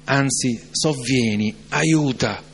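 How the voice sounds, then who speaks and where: A man preaching an evening sermon, moving from calm reflection to loud, emphatic climaxes. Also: mid-range voice, a little hiss or hum. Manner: slow, deliberate delivery.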